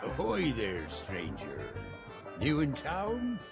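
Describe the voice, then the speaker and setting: A man's voice: mid-range voice, huge pitch swings, takes it slowly, vocal fry, full character voice. A man voicing a weathered, chatty pirate lounging in a tavern in a video game, telling tales in a drawling storyteller's manner. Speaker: non-player character. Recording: game audio with music bed. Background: game music.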